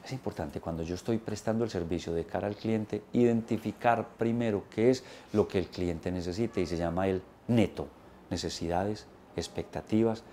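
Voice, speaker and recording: Speaking to camera from an indoor studio, a man in his thirties coaches on business through a lapel mic. He is emphatic, listing points and gesturing with both hands, in a low, mellow voice at normal speed against slight background noise.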